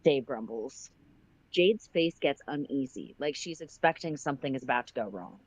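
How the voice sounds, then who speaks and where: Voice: mid-range voice, expressive, normal speed, no room sound, rough recording. A livestream host reading a fan-written story aloud in a casual narrating manner with asides. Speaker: story reader.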